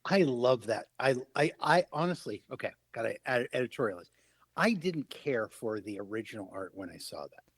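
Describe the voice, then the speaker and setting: A man's voice: medium pitch, slightly rough. A man co-hosting a live stream, making playful, joking asides. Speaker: co-host.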